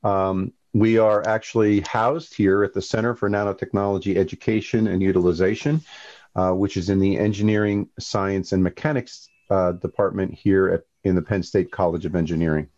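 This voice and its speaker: A man's voice: low voice, flat delivery, moderate pace, darkish tone, muffled recording. A man hosting a webinar who interviews his guest in an upbeat way, with many fillers and frequent praise. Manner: upbeat, many fillers, keeps saying "fantastic". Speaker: webinar host.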